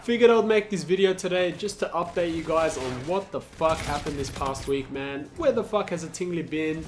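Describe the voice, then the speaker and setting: A young man giving a casual vlog update, congested from the flu, animated and slangy, swearing often. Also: a little high, normal speed. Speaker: gaming YouTuber.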